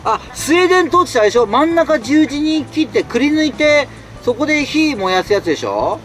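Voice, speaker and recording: A talkative man streams from inside his tent as rain falls outside. He chats casually and reacts to viewer comments with exclamations. His voice sits high and swings widely in pitch, with faint music underneath. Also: big pitch swings, brisk, a bit bright. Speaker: solo camping streamer. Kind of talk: casual live-stream chat while camping. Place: inside a tent while it rains.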